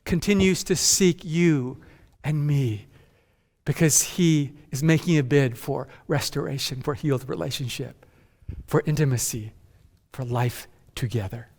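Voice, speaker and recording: A man born in Japan and raised in North America, preaching a measured, emphatic conference sermon as senior pastor that builds through repeated phrases. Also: fairly high pitch, vocal fry, darkish tone. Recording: long hall reverb.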